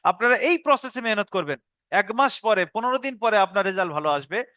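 A man's voice: sits high, lively intonation, bright, forceful tone, dry recording. A man teaching an online lesson, explaining step by step and often repeating his instructions. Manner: explanatory, repeats instructions, slows to recite verses. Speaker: Quran teacher.

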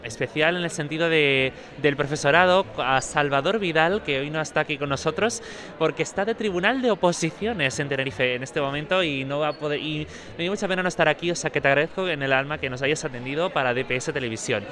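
A man's voice: on the high side, fast. A man, speaking through a face mask as a local TV reporter, asking courteous, formal questions in an on-the-spot interview at an outdoor town festival with a handheld mic. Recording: loud crowd chatter around. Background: crowd chatter.

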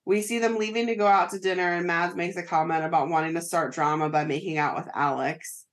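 A woman's voice: on the low side, fairly even intonation, a little fast. A woman co-hosting a podcast, casually recapping a TV episode in a gossipy, wry tone. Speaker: podcast co-host.

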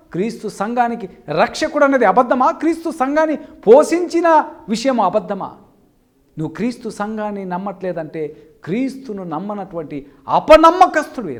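A man preaching a sermon, firing rhetorical questions and scolding his opponents in a heated manner. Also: extremely high pitch. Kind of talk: Telugu sermon.

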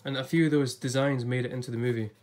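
His voice is medium-pitched, steady, fast, and a touch mellow, though still a bit off from a recent illness. Seated indoors at a table against a blue backdrop, the YouTuber pages through an illustrated book, reviewing it in a chatty, think-aloud way.

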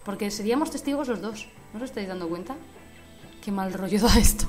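A woman with an accent from Spain, commenting on a life-sim game, excitable and sweary, often breaking into silly singing. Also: mid-range voice, fairly quick. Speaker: gaming host. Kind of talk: let's play commentary. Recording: game music playing behind the voice. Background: game music.

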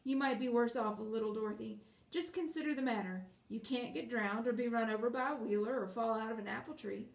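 A woman's voice: a little high, fairly quick, vocal fry. A woman voicing a cheerful, easygoing male scarecrow who talks in a mild, reassuring way, recorded in a roomy space from a distance.

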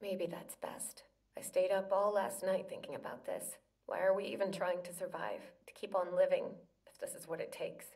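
A woman's voice: fairly low pitch, animated, moderate pace, darkish tone, recorded from a distance. An actress playing a distressed, desperate woman in a video game drama, emotional and pleading. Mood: despairing.

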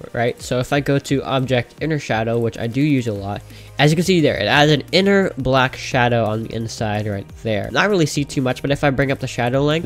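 A man with a nasal, pinched-nose voice casually narrating a software tutorial in an informal, enthusiastic way. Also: mid-range voice.

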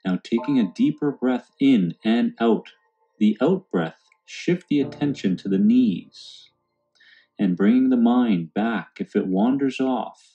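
This meditation guide speaks with a mid-range voice, leading listeners through the session calmly and without hurry. The recording is muffled, and background music accompanies his soothing narration.

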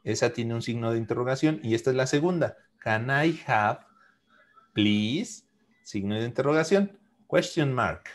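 A man teaching English to children in an online class over a video call, speaking slowly and patiently, repeating and spelling out phrases. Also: medium pitch, expressive.

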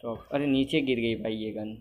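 A young man giving casual commentary on his own gameplay, chatty and talking to himself, at times loud and scolding at the game characters. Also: medium pitch, fairly even intonation, moderate pace, phone-quality sound, a little hiss or hum. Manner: chatty, talks to himself, keeps saying brother. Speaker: gamer.

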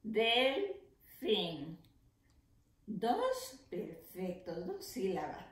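A woman teacher leading an early reading lesson for young children, slowly sounding out letters and syllables. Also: mid-range voice, very animated. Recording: echoey room.

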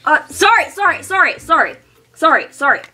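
A goofy, clumsy teenage troublemaker, played by a woman, sheepish and mumbling his apologies. The voice is pushed lower than usual, yet it stays bright. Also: big pitch swings, a little fast, faint music behind, exaggerated voice. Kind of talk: comedy web-series acting.

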